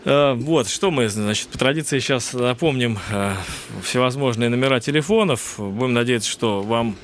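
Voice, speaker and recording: Male radio host, casual but playfully grandiose in wording, mid-pitched, slight noise behind. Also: moderate pace. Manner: jokingly ceremonious, florid phrasing. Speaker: radio music show host. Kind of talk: casual live radio hosting. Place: radio studio.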